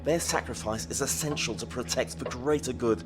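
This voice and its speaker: A man's voice: mid-range voice, normal speed, lightly acted. A man playing a cold, imperious Victorian master, secretive and ruthless, in an audio drama. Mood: cold conviction. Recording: voice over prominent music.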